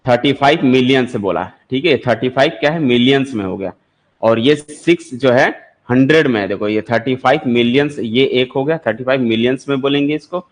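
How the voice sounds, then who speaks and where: A man teaching maths for exam preparation, explaining step by step and asking his students questions before he answers them. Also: medium pitch. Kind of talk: classroom lecture for exam prep.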